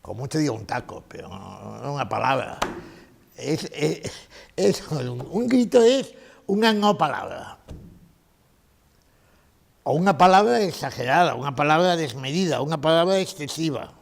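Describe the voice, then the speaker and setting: Emphatic man lecturing, gravelly and lively. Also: a little high, moderate pace, long pauses. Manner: emphatic, repeats key phrases, asks rhetorical questions. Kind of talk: conference lecture.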